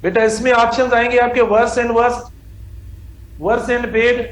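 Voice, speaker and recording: High-voiced man teaching slowly. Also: monotone, fairly bright tone, roomy sound, low-quality recording. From Pakistan. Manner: drawls out example sentences word by word, calls students "beta". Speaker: English teacher. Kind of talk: classroom grammar lecture.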